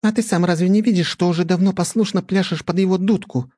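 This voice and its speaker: A mocking young girl from a storybook reading, a man doing her in a high, lifted voice that cuts with every word. The tone stays mellow and dark despite the height, in a dry, close recording. He keeps her scornful and pointed. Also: steady tone, fast, no room sound. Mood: accusing. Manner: mocking, cutting. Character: sharp-tongued red-haired young girl.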